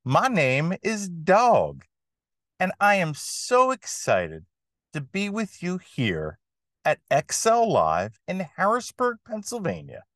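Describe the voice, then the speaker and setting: Male podcast host, ringmaster-style announcing, drawn-out delivery, very animated pitch, dry close sound. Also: no echo. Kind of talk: scripted podcast introduction.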